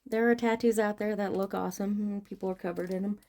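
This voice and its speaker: A woman's voice: mid-range voice, steady tone, fast, mellow. A woman vlogger chatting casually and informally while she works, thinking aloud and drifting between asides. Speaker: online vlogger and small seller packing orders. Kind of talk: casual rambling chat while working.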